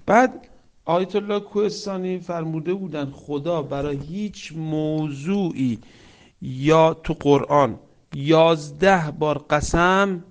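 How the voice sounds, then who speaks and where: A man preaching a sermon with stories, swinging between loud emphatic lines and soft hushed ones, reciting Quranic verses. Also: on the high side. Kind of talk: religious sermon with storytelling.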